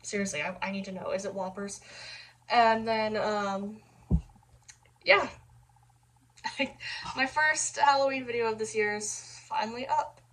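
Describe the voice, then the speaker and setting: A woman's voice: a little high, fairly even intonation, unhurried, pauses often, fairly bright tone, slight background noise, poor audio. A young woman talking casually to camera, rambling and easily sidetracked, laughing often as she chats. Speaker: vlogger.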